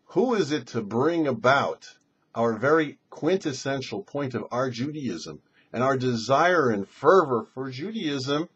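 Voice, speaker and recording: This dull lo-fi clip features a man, a rabbi who hosts a show, teaching a Torah portion in a didactic manner. His voice is medium in pitch, a bit bright, and slightly rough, with emphatic delivery.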